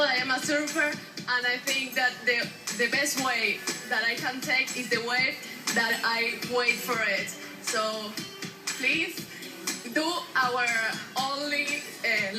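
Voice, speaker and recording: A woman's voice: sits high, slow pace. A young woman from Venezuela, a native Spanish speaker, giving a groping pageant answer in broken sentences. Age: young adult. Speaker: pageant contestant. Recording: echoey, loud music behind.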